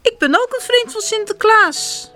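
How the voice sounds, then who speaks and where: A stubborn, eager little boy from a storybook, put on by a woman reader. His voice is high and bright and jumps around as he insists on his way. Soft music sits faintly behind. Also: expressive, measured pace, heavily acted.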